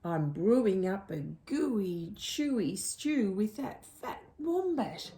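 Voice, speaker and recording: A sly storybook dingo, put on by a woman reading aloud, full of gleeful boasting. The delivery is slow and sing-song, swooping up and down as he gloats. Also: mid-range voice, sing-song, dark tone. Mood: gleeful, smug.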